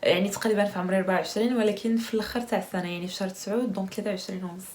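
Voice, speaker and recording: A young Moroccan woman with a Moroccan Arabic accent talks quickly through a casual question-and-answer vlog. Her delivery is chatty and relaxed, with frequent laughs between answers. She sits at a middle pitch for a woman and keeps a rapid pace. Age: 20s. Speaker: vlogger.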